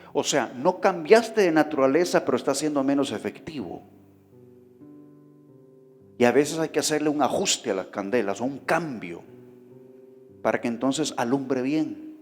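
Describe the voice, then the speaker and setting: A man preaching a sermon, talking conversationally and often asking the congregation questions. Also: mid-range voice. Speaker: pastor. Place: church hall. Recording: reverberant hall with faint music behind.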